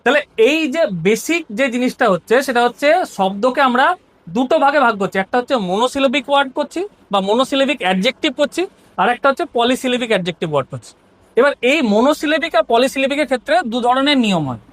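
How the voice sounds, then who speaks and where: A high-voiced woman teacher with a Bengali accent speaks fast with lively intonation as she explains grammar step by step, regularly checking in with "ঠিক আছে?".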